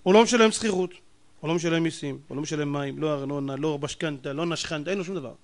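A man preaching a sermon as a rabbi, emphatic and mocking, firing rhetorical questions and swinging between loud outbursts and low muttered asides.

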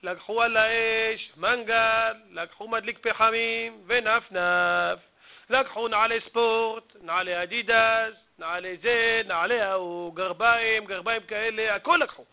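A man's voice: sits high, steady tone. A man voicing a weeping female prayer shawl that complains plaintively about being left behind. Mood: lamenting. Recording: tinny phone-like audio.

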